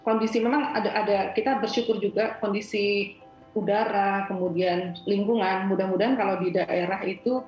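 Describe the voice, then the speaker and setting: Woman, doctor guest, reassuring explainer, medium pitch, echoey and slightly dull audio. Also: steady tone, moderate pace, soft background music. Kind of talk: conversational medical explanation.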